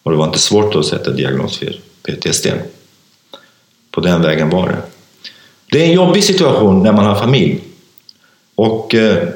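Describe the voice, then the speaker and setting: A man telling his personal story in an interview, speaking haltingly with many fillers and restarts. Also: low voice. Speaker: interview guest, author. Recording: echoey room.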